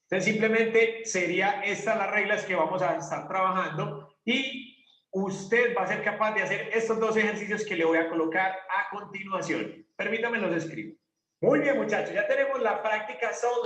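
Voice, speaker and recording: Step by step, a man explains English grammar to his class and answers the questions he raises. His high, fairly bright voice comes across in a classroom recording that is roomy, dull, and far from the mic.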